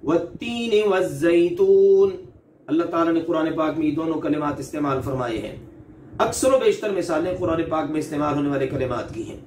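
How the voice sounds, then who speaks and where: A man's voice: fairly high pitch, fast talker, distant mic, a little hiss or hum. A man teaching Quran recitation in a recorded lesson, patiently repeating examples and stretching out each letter sound to demonstrate it. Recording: echoey room, off-mic, faint ambience.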